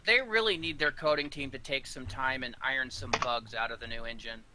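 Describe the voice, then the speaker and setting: A man's voice: mid-range voice, a little fast, background noise. A man chatting with his gaming group on voice chat, explaining things with hesitant fillers. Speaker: gamer in a group. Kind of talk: casual voice chat while gaming.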